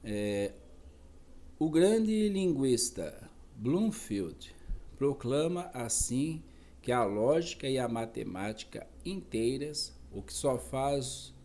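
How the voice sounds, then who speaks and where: A man reads a dense academic text at a slow, deliberate pace. His voice is dark and mellow, with an even, average pitch. He stops now and then to correct a word or to add a quick aside. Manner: slow, careful reading with self-corrections and asides. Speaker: reader. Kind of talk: reading a philosophy text aloud.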